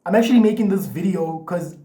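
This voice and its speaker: A young male vlogger chats casually to the camera in a high, warm voice at a quick pace. His stutter brings repeated words and restarts, and his loose speech is full of "like" and "you know."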